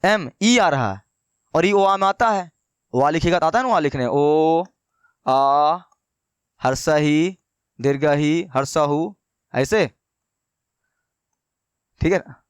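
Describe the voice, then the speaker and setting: A man's voice: a little high, expressive, smooth, no echo, clean studio sound. A man teaching an online grammar lesson. He asks and answers his own questions and repeats key words. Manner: slows down to dictate notes. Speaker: English teacher.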